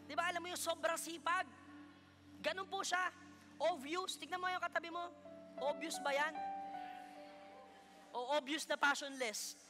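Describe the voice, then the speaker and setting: A male pastor with a Filipino accent preaching a lively sermon in church, teasing the congregation as he goes. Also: very high-pitched, a little slow, pauses often, over music. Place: church hall.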